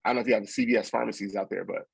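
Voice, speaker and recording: A young man with a low, gravelly voice tells a story in a loose, rambling way, doubling back often. The tone is husky, and the sound is close and dry. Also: racing, dry recording, poor audio. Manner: relaxed, rambling with many fillers and restarts. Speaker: podcast guest. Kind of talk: casual storytelling.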